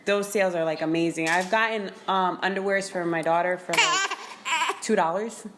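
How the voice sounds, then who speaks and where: A woman's voice: lowish voice, fairly even intonation, brisk, very noisy. A young woman co-hosting a podcast in casual chat, rambling and cutting in with fillers. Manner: chatty, interrupting, rambling with fillers. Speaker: podcast co-host.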